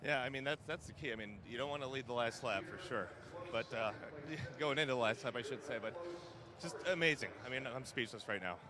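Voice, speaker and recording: An out-of-breath team owner giving a halting, excited post-race interview. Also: male voice, medium pitch, a crowd in the background. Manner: excited, halting, repeats "I mean". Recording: noisy outdoor track mic.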